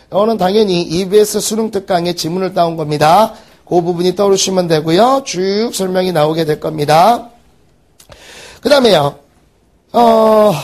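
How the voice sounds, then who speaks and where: A man teaching an exam-prep English lesson, firing quick rhetorical questions at the class. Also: high-pitched, a little mellow. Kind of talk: recorded exam-prep lecture.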